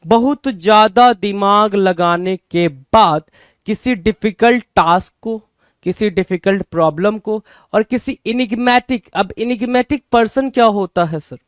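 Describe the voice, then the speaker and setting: A man's voice: high-pitched, a little slow, clear, resonant tone, dry recording, studio quality. A man teaching vocabulary for an exam-prep lesson with an Indian English accent, repeating words and posing rhetorical questions to his students. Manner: repetitive, rhetorical questions, addresses students as "bhai".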